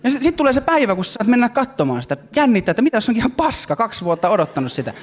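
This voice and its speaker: A man performing a stand-up comedy routine on stage, talking in animated, excitable bursts. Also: extremely high pitch. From Finland. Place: comedy stage before a live audience.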